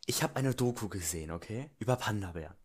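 A man's voice: fairly low pitch, expressive, fast talker, slightly rough. A man co-hosting a casual podcast chat, playful and teasing, often laughing. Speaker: podcast co-host.

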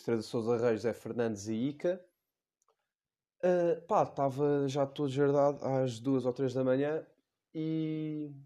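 A man's voice: mid-range voice, mellow. A young man with a European Portuguese accent, hosting a comedic podcast monologue in a rambling, slangy, crude way. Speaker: podcast host.

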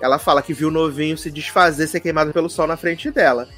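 Brief: man, high and lively voice, playful storytelling recap, faint music underneath. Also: quick pace. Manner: animated, quotes characters in playful voices, fillers like "não sei o quê". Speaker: podcast co-host recapping a series. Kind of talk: casual chat, retelling with acted quotes.

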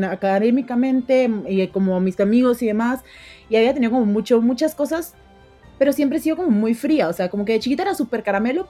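A young woman, chatting as a podcast guest and acting out the voices in her stories. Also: fairly high pitch. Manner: animated storyteller, acts out quoted voices. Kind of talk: casual podcast chat.

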